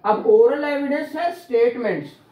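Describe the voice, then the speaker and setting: In a roomy space, a man with a very high-pitched voice teaches a law class at a moderate pace, and the recording sounds muffled. He quizzes his students, repeats key terms, and praises their answers in this classroom law lecture with questions.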